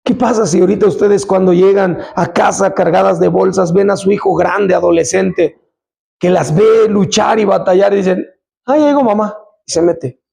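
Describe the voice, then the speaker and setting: A man preaching a sermon in an impassioned, exhorting way, repeating phrases and sometimes shouting. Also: high-pitched, steady tone, normal speed, creaky, husky.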